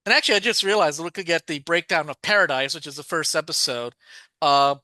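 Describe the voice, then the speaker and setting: A man co-hosting a podcast chats casually about a TV show, rambling with plenty of fillers and self-corrections. His fairly high voice is fast and sharp in tone, and the recording is dry.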